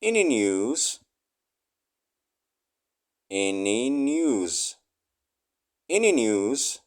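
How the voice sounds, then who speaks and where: For language learners, a man slowly and clearly repeats each short English phrase three times. His voice is mid-range and swings widely in pitch.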